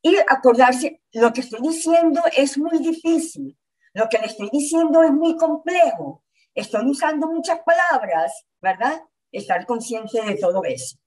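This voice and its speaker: A woman gives a community health lecture in a fairly high voice, speaking slowly and deliberately. She uses short phrases with pauses between them. She keeps checking in with her listeners, asking if they follow. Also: expressive, a little mellow, rough recording. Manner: patient, repeats points, checks in with "¿ok?" and "¿verdad?". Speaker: health educator. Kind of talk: slide-based community lecture.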